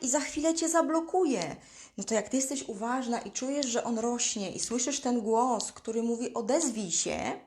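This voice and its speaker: A woman with a somewhat high voice talks straight to her viewers in a live coaching session. She speaks directly and plainly, guiding the listener step by step through what to do. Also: darkish tone. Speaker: life coach. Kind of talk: live motivational talk.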